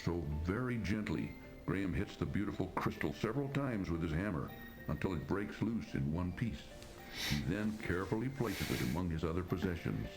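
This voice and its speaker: A man narrating a fantasy adventure game in a measured storybook manner. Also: sits low, expressive, over music, poor audio. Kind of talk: scripted narration.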